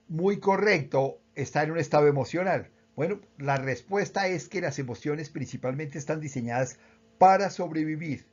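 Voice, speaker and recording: A man with a Colombian accent, calmly explaining how emotions work with everyday examples. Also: fairly high pitch, highs cut off. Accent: Colombian Spanish. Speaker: speaker on emotional education. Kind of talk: explanatory talk.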